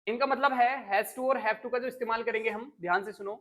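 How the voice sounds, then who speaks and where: A woman's voice: fairly high pitch, steady tone, a little fast, fairly bright tone. A woman teaching an English grammar lesson to children in a school classroom. She quizzes the pupils and repeats example sentences.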